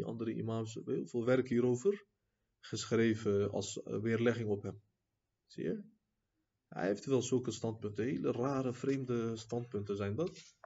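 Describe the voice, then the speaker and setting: A man teaching an Islamic lesson who reads texts quickly, then explains them at length with many fillers and asides to his listeners. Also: on the low side, dark tone, breathy edge, highs cut off. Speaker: religious teacher.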